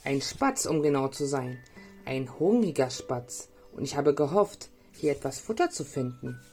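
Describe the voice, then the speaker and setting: A woman's voice: rumbling low, very animated, a little slow, a little mellow, faint music behind, exaggerated voice. A woman voicing a small, hungry male sparrow who is timid and puzzled. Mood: plaintive. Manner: stammering, earnest.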